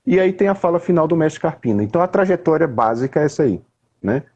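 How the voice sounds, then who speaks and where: Um homem com sotaque brasileiro explicando poesia numa conversa informal, em tom didático e sem pressa. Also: male voice, a little high, expressive, mellow, slightly rough, dull audio. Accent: Brazilian. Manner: didactic, unhurried, with frequent restarts and "né?" tags. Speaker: poet explaining literature. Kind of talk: casual conversation.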